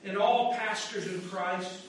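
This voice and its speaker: A pastor with a fairly high male voice intones prayers in a slow, solemn cadence. His words bloom into a huge cathedral echo, picked up by a mic set far from him. A faint hum of the room sits underneath. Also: steady tone. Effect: large church echo. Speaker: pastor leading worship. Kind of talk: liturgical prayer and chant. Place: large church sanctuary. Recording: echoey church heard from afar.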